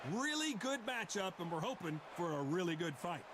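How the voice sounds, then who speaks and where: An excitable play-by-play boxing commentator for a video game. He speaks high and emphatically, with very loud arena noise all around him. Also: moderate pace. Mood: excited. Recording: very noisy game arena audio.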